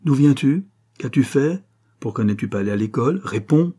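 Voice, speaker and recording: A man voicing a stern father who fires off sharp, demanding questions. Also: medium pitch, lively intonation, moderate pace, slightly rough, pitched above the performer's own voice. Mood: angry. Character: stern angry father, middle-aged man.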